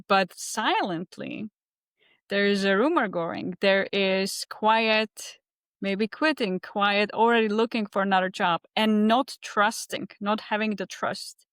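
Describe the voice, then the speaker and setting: A woman's voice: medium pitch, slow, a bit bright, smooth, dry recording. Reflective woman in a dry-sounding recording. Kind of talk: casual reflective debrief.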